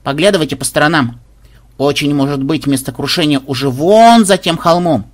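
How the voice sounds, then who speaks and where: A man voicing an eager young granddaughter who calls out excitedly, in an audiobook reading. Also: a little high, moderate pace, lightly acted. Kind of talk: audiobook voice acting.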